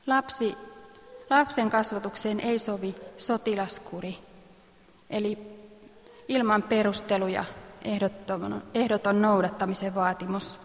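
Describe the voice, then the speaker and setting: A woman reading parenting advice aloud in a measured, instructive manner, clearing her throat now and then. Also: mid-range voice, long reverb tail. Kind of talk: read-aloud advice text.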